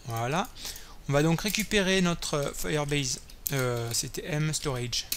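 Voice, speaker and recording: A man's voice: fairly high pitch, lively intonation, unhurried, fairly bright tone. French man thinking aloud through code. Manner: thinking aloud while typing, many fillers and self-corrections. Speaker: coding tutorial host. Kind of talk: screen-recorded coding tutorial. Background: keyboard typing and clicks.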